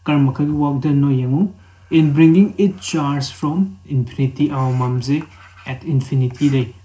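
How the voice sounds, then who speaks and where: A man's voice: a little high, steady tone, moderate pace, warm tone. A man with a Manipuri accent teaching physics, reading out definitions, then explaining them step by step and repeating key phrases. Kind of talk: classroom lesson mixing read-out definitions with explanation. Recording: roomy, echoing voice recording.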